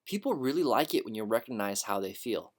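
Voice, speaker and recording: Storybook voice: man playing a caring, earnest young schoolgirl, raised and gentle. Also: on the low side, very animated, brisk. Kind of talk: storybook reading.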